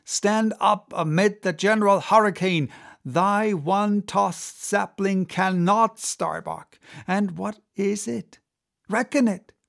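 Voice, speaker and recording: A man's voice: high-pitched, slow pace, vocal fry, a bit bright, pitched above the performer's own voice, full character voice. A man voicing an obsessed, vengeful whaling captain in an audiobook, intense and declamatory. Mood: fierce, goading.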